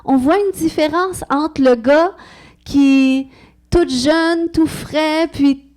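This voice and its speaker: A woman's voice: sits high, slow, darkish tone. A woman with a Québécois French accent, preaching an earnest, conversational sermon with frequent amens.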